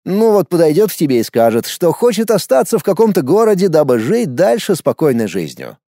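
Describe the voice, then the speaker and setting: A cocky, meddling young man who fancies himself an expert on women, as a male reader puts him on. His voice sits higher and swings lively as he needles and insists. The sound is dry and close, with a mellow darkness in tone. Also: brisk, no echo, heavily acted. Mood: sly. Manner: sarcastic, insistent, teasing. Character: smug, nosy young man, self-styled ladies' expert.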